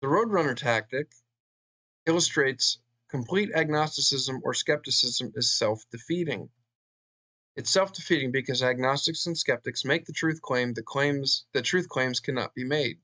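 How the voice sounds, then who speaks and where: A man reading a book chapter aloud and adding his own commentary, earnest, with fillers and pauses between passages. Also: mid-range voice, pushed and bright. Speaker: channel host reading a book.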